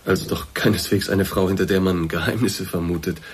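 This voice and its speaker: In a naturalistic German radio drama, a male actor voices a courteous, awkward middle-aged boss discreetly breaking bad news. His slightly husky voice sits low and steady at a fairly quick pace, while his speech stays formal, hesitant, roundabout and musing.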